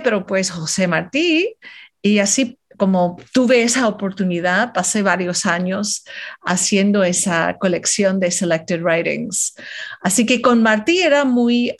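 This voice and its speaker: Raised in the Philippines and California, a woman translator and scholar answers interview questions thoughtfully. She speaks at a medium pitch and often restarts her sentences.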